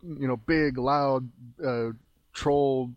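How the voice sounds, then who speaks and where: A man's voice: mid-range voice, steady tone, extremely slow, dry recording, highs cut off. A man co-hosting a podcast, telling things loosely in casual chat with many fillers. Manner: loose, filler-heavy storytelling. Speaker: podcast co-host.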